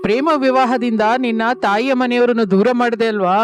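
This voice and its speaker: A voice actor dubbing a gentle, apologetic young husband in a cartoon story, with music under the voice. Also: medium pitch, steady tone, moderate pace, natural voice.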